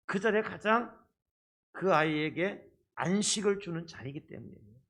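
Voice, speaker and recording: A man's voice: sits high, animated, normal speed, fairly bright tone. A man preaching as a pastor through a face mask, explaining step by step and often putting rhetorical questions to his congregation. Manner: speaking through a face mask, slightly muffled. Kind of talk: sermon to a congregation. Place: church service.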